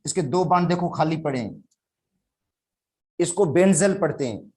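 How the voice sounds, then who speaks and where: A Pakistani man with a Sindhi accent teaches a chemistry class, walking through the material step by step and addressing his students as "beta." His voice is fairly high and dark-toned, and he speaks unhurriedly.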